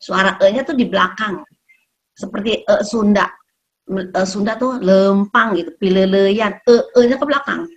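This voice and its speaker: A woman teaches pronunciation in a patient, explanatory way. She slows down to sound out each syllable, then repeats it so learners can follow. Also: medium pitch, muffled recording. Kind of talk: pronunciation lesson.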